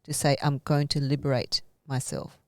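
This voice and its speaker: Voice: mid-range voice, little pitch movement, normal speed, dry recording. A podcast host asking questions in a casual interview, laughing often and searching for words.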